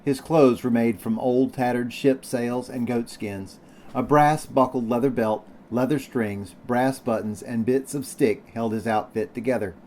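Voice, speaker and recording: A man's voice: medium pitch, fairly even intonation, unhurried, darkish tone, a little hiss or hum. Teacher guy reading a story aloud for his class, plain narration, calls out page numbers. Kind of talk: read-aloud narration of a novel.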